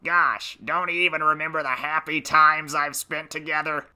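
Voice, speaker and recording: A man's voice: a little high, flat delivery, pushed and bright, smooth. A man voicing a sulky, wheedling male pet parrot on a storybook record. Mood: pleading. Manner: whiny, pleading, slow and drawn out.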